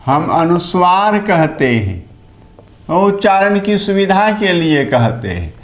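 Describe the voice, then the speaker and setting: Slow, deliberate male Hindi teacher. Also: high voice, big pitch swings, roomy sound. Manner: slow, deliberate explaining with repetition. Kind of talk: online lecture.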